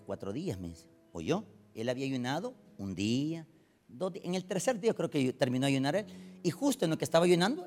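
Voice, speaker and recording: Animated preacher man. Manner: swings between loud urgent preaching and low confiding storytelling. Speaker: pastor. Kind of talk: sermon.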